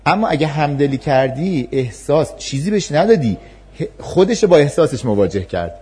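A man's voice: on the high side, big pitch swings, darkish tone, husky. A man giving an explanatory talk to an audience on parenting and empathy, acting out parent and child voices in his examples.

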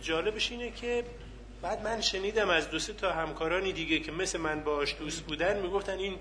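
A man's voice: high-pitched, a bit bright. A man, a university colleague, telling an anecdote from campus. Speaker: university colleague, guest speaker.

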